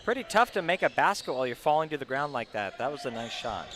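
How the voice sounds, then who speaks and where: A man's voice: medium pitch, sing-song, quick pace, a bit bright. A man giving casual, chatty color commentary on live basketball from a gym. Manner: informal, chatty reactions. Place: indoor basketball gym, courtside. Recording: noisy gym with bouncing balls.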